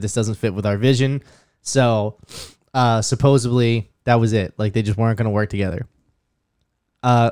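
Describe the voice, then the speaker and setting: A man's voice: medium pitch, clean tone, dry recording, studio quality. A young man hosting a casual podcast, joking and swearing loosely, his voice thick with phlegm. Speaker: podcast host.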